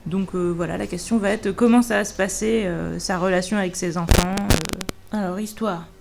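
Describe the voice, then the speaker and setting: A woman with a voice hoarse from allergies, giving a casual book review in an informal, hesitant way, thinking aloud as she goes. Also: medium pitch, steady tone, moderate pace, a little mellow, a little hiss or hum.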